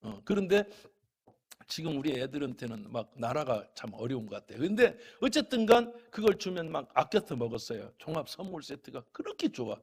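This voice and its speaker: A middle-aged man preaching a church sermon, telling folksy stories and swinging between loud calls to the congregation and quiet, chatty asides. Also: medium pitch, very animated, fairly quick, vocal fry, husky. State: a little unwell. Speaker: pastor.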